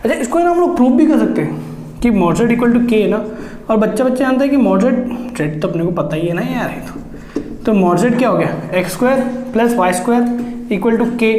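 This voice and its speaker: A man's voice: sits high, expressive, normal speed, a little mellow, reverberant, slight background noise. A man teaching a maths lecture for exam prep, explaining step by step, asking students rhetorical questions and mixing in English terms. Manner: addresses students as children, mixes in English terms.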